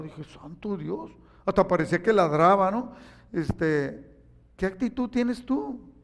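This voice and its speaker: A man preaching a sermon, telling stories animatedly and acting out the quotes. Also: high voice. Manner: animated storytelling with acted-out quotes. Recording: echoey hall reverb.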